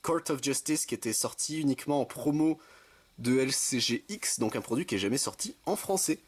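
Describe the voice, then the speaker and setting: A young man casually commenting while opening trading card packs, listing card names and adding quick asides. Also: medium pitch, animated, breathy edge. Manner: chatty, reads card names in quick lists, self-correcting asides. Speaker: card-opening video host. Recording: faint background noise with card crinkling.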